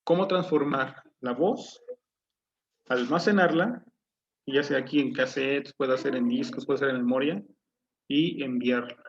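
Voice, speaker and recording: A man's voice: medium pitch, a little slow. A man teaching an online class, explaining step by step and putting questions to his students. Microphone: low-quality computer mic. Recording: dull lo-fi mic audio.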